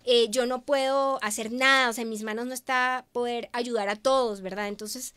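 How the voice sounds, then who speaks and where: A woman from Venezuela, a guest in an interview, telling her story in an expressive, emotional way and acting out her own past words. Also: a little high, normal speed, clear, resonant tone, dry recording. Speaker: guest, media professional.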